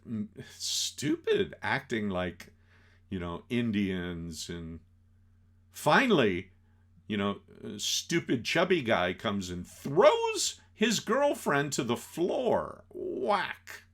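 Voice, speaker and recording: A man walks through an old film scene by scene in a casual, unhurried lecture. His pitch swings widely as he acts out the characters' lines, and he often stops to fill a gap with "you know". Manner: animated, acts out quotes, many fillers. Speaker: teacher explaining an old film.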